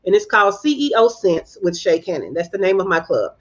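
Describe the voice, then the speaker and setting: A woman's voice: medium pitch, big pitch swings, a little fast, muffled recording. A woman from Alabama with a Southern US accent, giving conversational business advice as a guest, emphatic and often checking in with the listener. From Alabama, United States.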